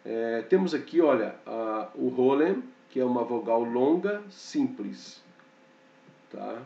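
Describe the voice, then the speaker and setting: Slow, mellow man teaching grammar. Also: medium pitch, animated, gravelly, far from the mic. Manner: slow and explanatory, pointing at the board with repeated fillers. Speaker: Hebrew teacher. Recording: dull, echoey room, off-mic.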